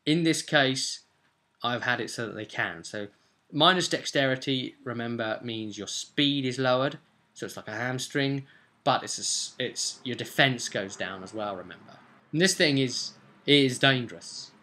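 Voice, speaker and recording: Speaking at a moderate pace, a young man with a sharp, mid-range voice explains a tabletop role-playing session in his role as game master. His talk is casual, with key words stressed, and it takes place in a small, messy room at home.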